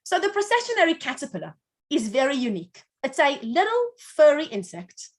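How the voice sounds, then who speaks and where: A woman teaching a class, telling a parable in an expressive storyteller's way with dramatic pauses. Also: high-pitched. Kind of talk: storytelling lesson.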